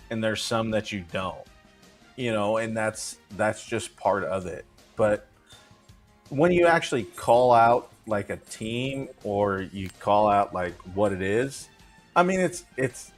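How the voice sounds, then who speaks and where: A former pitcher in his thirties talks casually on a sports panel, blunt and repetitive in his delivery.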